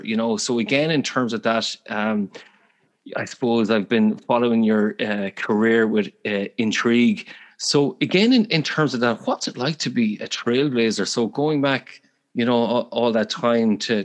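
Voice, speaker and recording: A middle-aged man with an Irish accent, interviewing as a podcast host in hesitant, wordy phrasing. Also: fairly low pitch.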